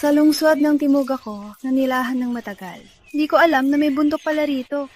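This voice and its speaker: An actress dubbing a lively, friendly young female journalist in a drama. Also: sits high, a little fast, natural voice. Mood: calm. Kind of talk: dubbed drama acting.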